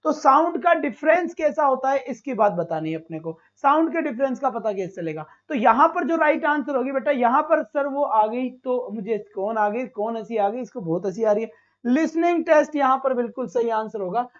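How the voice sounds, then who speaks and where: A man's voice: very high-pitched, expressive, normal speed, highs cut off. A male teacher leading a live online exam-prep class, coaxing students and answering his own questions.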